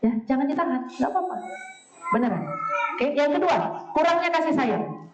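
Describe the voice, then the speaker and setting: A woman, giving a lively, blunt talk with humour to a women's study group. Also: high voice, normal speed. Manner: blunt, animated, acts out quoted voices, laughs often. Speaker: speaker at a women's study session. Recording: echoey far-off dull sound.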